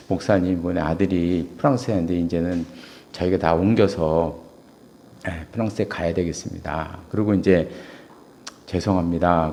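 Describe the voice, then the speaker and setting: Male pastor, sermon delivery, lively pitch swings, gravelly edge. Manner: animated storytelling preacher, swings from loud emphatic peaks to low asides.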